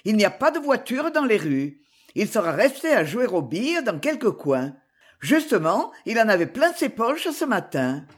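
A woman voicing a calm, resolute older spinster in a storybook reading, brisk and commanding. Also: medium pitch, husky. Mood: reassuring.

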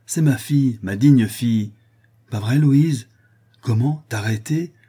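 A man's voice: mid-range voice, animated, normal speed, mellow, husky, pitched above the performer's own voice. Man voicing a distraught old artisan father. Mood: distraught pleading. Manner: pleading, agitated, raised voice.

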